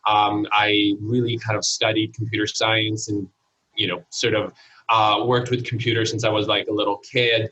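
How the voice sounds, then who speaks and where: An Italian man, a guest entrepreneur whose first language is Italian, speaks English with an Italian accent in a casual interview, sounding thoughtful and hesitant with plenty of fillers. His voice is lowish and sharp, with a level tone and normal speed. The recording is muffled.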